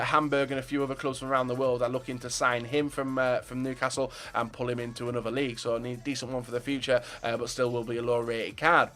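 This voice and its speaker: Young man, casual football vlog host, opinionated, filler-heavy delivery, mid-pitched voice. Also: fairly bright tone. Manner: chatty, opinionated, frequent fillers. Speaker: football transfer news vlogger. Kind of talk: casual commentary to viewers.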